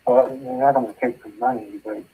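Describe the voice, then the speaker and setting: A man's low, flat voice comes through a narrow prison phone line. He talks steadily and matter-of-factly, with little rise or fall. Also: brisk, a little hiss or hum. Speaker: caller's husband. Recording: thin phone-line sound.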